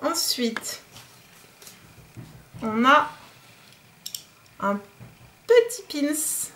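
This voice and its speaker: A woman's voice: high-pitched, sing-song, drawn-out words, a bit bright, slight background noise. A woman in her thirties from France, chatting casually in a DIY unboxing vlog, hesitant with many fillers. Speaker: DIY vlogger.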